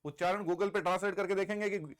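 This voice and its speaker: An Indian man teaches English grammar to a live online class. He keeps asking students for answers and praises them as they reply. His voice is smooth and resonant and sits fairly high. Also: fairly even intonation, fast.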